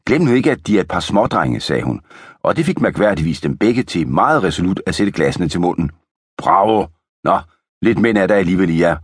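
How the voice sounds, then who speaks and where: Male narrator for kids' audiobook, low and husky, steady storytelling. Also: no room sound, clean studio sound.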